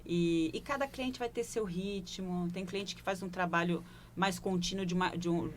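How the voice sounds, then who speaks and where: Steady in tone and lowish in pitch, she speaks at a normal pace with slight background noise. She is a leadership consultant with a Brazilian Portuguese accent, giving a reflective account of her work in a broadcast studio interview and frequently adding quick questioning tags.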